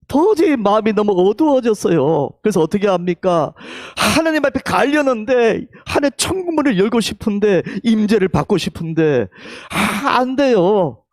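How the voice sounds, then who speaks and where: A man preaches a Sunday sermon with a Gyeongsang accent, his high voice leaping and falling with lively swings. He moves from loud calls to near-whispers and leads the congregation to repeat his words. The sound is dry and close. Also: moderate pace, hardly any pauses, dry recording. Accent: Gyeongsang Korean. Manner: leads the congregation in call-and-response. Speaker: pastor. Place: church sanctuary.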